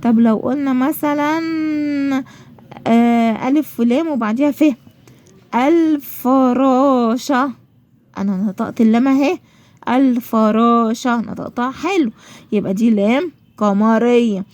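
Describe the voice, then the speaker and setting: High-voiced Egyptian woman teaching a lesson. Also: a little fast, warm tone, no echo. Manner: asks and answers her own questions, stretching out example words. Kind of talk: school lesson explanation.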